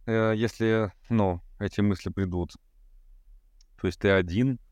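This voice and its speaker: Very low, smooth-voiced man in his thirties. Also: fairly even intonation, measured pace, a little mellow, dry recording. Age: 30s. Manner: hesitant, many fillers, laughs at himself. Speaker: podcast guest. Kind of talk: casual conversation.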